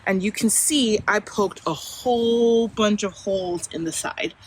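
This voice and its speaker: A woman's voice: mid-range voice, unhurried, husky, poor audio. A woman chatting informally and easygoing to viewers in a casual gardening vlog, recorded outside in a backyard. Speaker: gardening vlogger. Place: outdoors in a suburban backyard and side yard.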